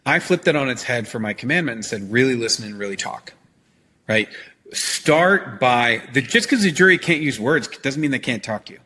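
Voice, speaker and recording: A middle-aged man, a trial consultant and longtime actor, answering interview questions in an animated coaching tone and often checking in with "right?". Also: medium pitch, moderate pace, slightly rough.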